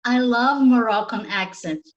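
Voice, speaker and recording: A woman's voice: a little high, a little slow. A woman chatting casually in an online group live stream. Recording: dull, lo-fi online call audio.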